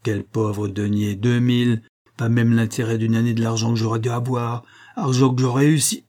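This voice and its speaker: A man reading an audiobook, voicing a contemptuous, hot-tempered young male horse trainer who shouts insults at his servant. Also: mid-range voice, level tone, moderate pace, lightly acted. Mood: bitter muttering. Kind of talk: audiobook character voice.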